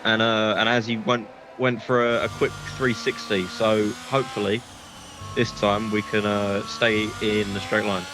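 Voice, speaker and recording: A man's voice: on the low side, little pitch movement, measured pace, noisy background. A man co-commentating on motorsport, giving casual, opinionated analysis and conversational reactions to the race.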